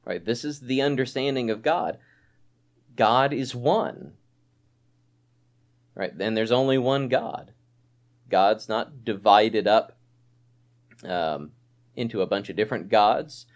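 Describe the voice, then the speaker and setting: A man preaching an expository sermon, animated and conversational, often checking in with a rhetorical "right?". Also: lowish voice, measured pace.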